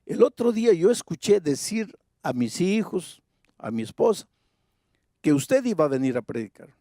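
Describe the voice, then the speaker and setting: Man playing a tearful old man around eighty, soft halting confession, hesitant, dry close sound. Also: on the high side, very animated, no echo. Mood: confiding.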